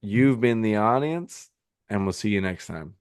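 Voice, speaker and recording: A man with a low voice, hiccuping as he talks sports in a loose, rambling way. He chats casually, full of ums and restarts, on a dry, close microphone. It sounds like a remote podcast call. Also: expressive, unhurried, smooth, dry recording. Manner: rambling, filler-heavy, frequent restarts. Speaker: podcast co-host. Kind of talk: casual fantasy football chat.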